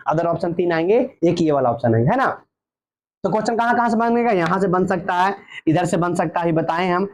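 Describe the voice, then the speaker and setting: A man's voice: high-pitched, a little mellow. A man teaching a grammar lesson. He asks questions and answers them himself, and he draws out each vowel sound.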